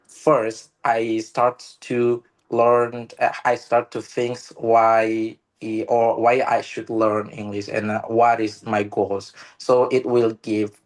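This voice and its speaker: Over a video call microphone, an Indonesian man whose first language is an Indonesian local language speaks slowly at a fairly low pitch. Taking part in a casual online meeting discussion, he halts often, with many "uh" pauses and restarts.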